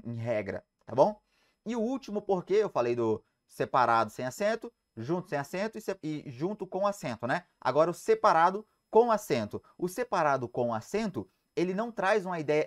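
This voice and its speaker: A man with a Brazilian Portuguese accent teaching grammar in an online exam-prep lecture, emphatic and asking and answering his own questions. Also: a little high.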